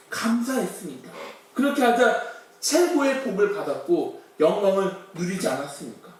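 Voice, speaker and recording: A man preaching a sermon who asks many rhetorical questions and acts out quoted complaints. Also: high voice. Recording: very echoey hall from far off.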